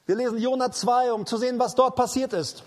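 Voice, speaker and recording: Male preacher, very high voice, proclaiming, emphatic repeated declarations, charismatic sermon. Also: fairly even intonation, darkish tone. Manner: proclaiming, declarative repetitions with slow emphatic commands.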